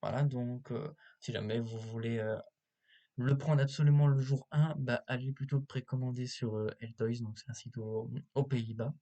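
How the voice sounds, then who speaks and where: A man giving casual, unscripted video commentary as a host, halting often with filler sounds, recorded on a cheap built-in laptop microphone. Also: medium pitch, steady tone, dark tone, muffled recording. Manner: hesitant, halting delivery with many filler pauses. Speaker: YouTube host reviewing toy sets.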